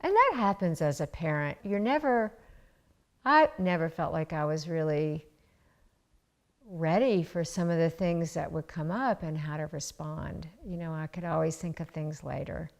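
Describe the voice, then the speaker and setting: Lowish gravelly woman, adoptive mom, reflective interview anecdote. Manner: reflective, measured with pauses. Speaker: adoptive mother. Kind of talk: interview storytelling.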